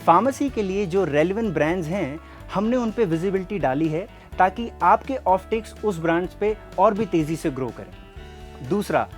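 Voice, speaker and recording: In a scripted training film, a man narrates and role-plays as an earnest sales representative, politely and persuasively explaining things straight to the listener. He has a high, animated voice at normal speed. Faint music plays behind him.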